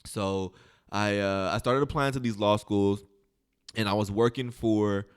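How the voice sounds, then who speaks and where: An American man from southern Illinois and western Kentucky tells stories as a podcast guest, speaking casually and informally, sprinkling in "like" and "you know." His lowish voice is clear and resonant, with fairly even intonation and a slightly slow pace.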